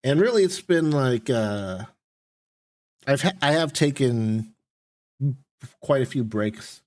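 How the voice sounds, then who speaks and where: An American game streamer chats and rambles casually while playing on stream. His medium-pitched voice has lively intonation and a darkish tone, delivered slowly.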